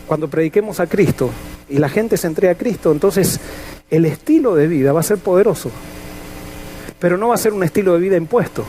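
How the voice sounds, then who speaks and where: A man's voice: high voice, a little fast, dark tone, a little hiss or hum. A male pastor preaching a sermon in an earnest, emphatic way, asking the congregation rhetorical questions. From Latin America.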